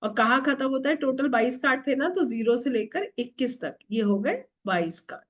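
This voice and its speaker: Over a video call, a middle-aged woman leads an online tarot workshop, posing questions to the class and then answering them herself. She speaks Hindi sprinkled with English words, in a high, expressive voice at a moderate pace.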